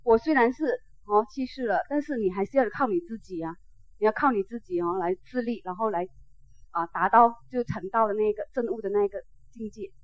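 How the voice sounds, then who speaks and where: A woman voicing a gentle, dying old male teacher who speaks soothingly and reassures his disciples. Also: mid-range voice, brisk, lightly acted. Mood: reassuring. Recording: dull, dry lo-fi recording.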